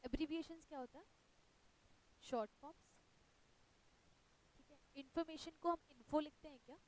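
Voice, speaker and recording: In an online exam-prep class, a high-pitched woman with an Indian accent speaks at a moderate pace over poor audio. She mixes Hindi and English as she patiently explains, checking in with "right?".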